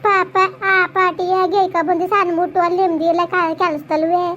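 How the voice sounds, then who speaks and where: A woman's voice: very high-pitched, fairly even intonation, moderate pace, a bit bright, slight background noise. A woman playing a middle-aged village aunty who soothes and advises a young wife in a comedy skit. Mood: consoling. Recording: dull lo-fi sound.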